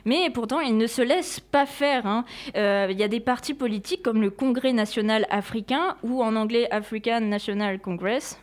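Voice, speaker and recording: A woman's voice: on the high side, normal speed. Chatty young woman presenting history on radio. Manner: chatty, hesitant, many fillers and restarts. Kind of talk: casual history talk on community radio.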